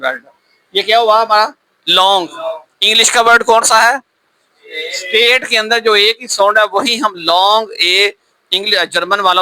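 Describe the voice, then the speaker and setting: A man's voice: high voice, bright, forceful tone, rough recording. A man teaching German pronunciation in a classroom-style lesson, repeating words and quizzing his learners.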